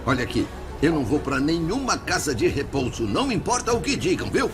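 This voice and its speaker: A grumpy old Brazilian man in a hospital documentary. He is curt and distrustful, with a fairly high voice that jumps around a great deal. Music plays behind him. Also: very animated, brisk. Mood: grumpy, defensive. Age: older. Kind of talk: dubbed medical documentary re-enactment.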